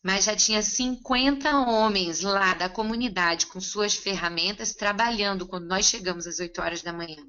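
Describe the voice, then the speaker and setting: A woman interpreting a seminar consecutively, relaying each line in a steady, conversational way. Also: mid-range voice, normal speed, hardly any pauses, lo-fi sound.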